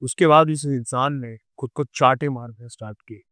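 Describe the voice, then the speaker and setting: A young man with a Delhi Hindi accent telling a true ghost story on a podcast, animated and acting out the scenes. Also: medium pitch, moderate pace, dry recording, clean studio sound. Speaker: podcast guest.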